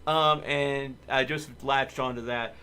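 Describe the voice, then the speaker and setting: Live streaming a video game, this male host talks casually and wanders through his thoughts aloud. He speaks slowly in a mid-range voice that stays steady, with a sharp, clean tone.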